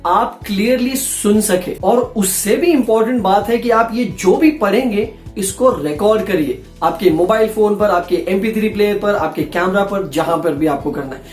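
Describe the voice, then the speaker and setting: A man's voice: high-pitched, moderate pace, few pauses, a little mellow. A man, a voice-over artist, giving a casual, playful spoken lesson and talking to viewers as friends. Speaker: voice-over artist teaching pronunciation. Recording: roomy echo with faint background music.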